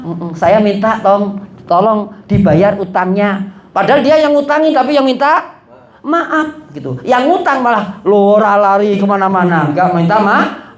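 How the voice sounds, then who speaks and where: Man preaching in an echoey room, questioning. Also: high voice. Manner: asks the audience questions and answers them himself, with joking asides. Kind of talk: religious study sermon.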